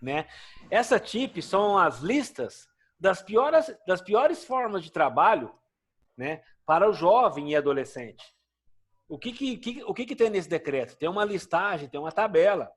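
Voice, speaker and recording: A man's voice: sits high, big pitch swings, a little slow, slightly rough. A male teacher giving a conversational classroom lecture with a Brazilian Portuguese accent, often asking his students questions.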